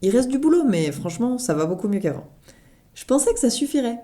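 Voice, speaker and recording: A woman's voice: on the high side, very animated, brisk, mellow. A woman reading her own blog article aloud as humorous personal narration, with wry, self-mocking asides.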